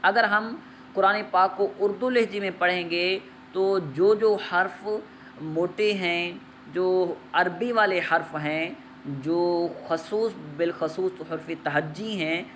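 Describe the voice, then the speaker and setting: A man's voice: sits high, a bit bright, a little hiss or hum. Urdu-speaking man teaching Quran letters. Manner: slow measured opening recitation, then explaining letters patiently and repetitively. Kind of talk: Quran reading lesson.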